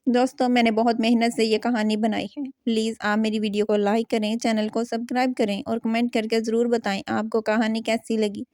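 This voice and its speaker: A woman reads a romantic novel aloud as a storyteller, keeping a steady, even pace. Her voice sits a little high. The sound is dry and close, with no room around it. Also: few pauses, no room sound.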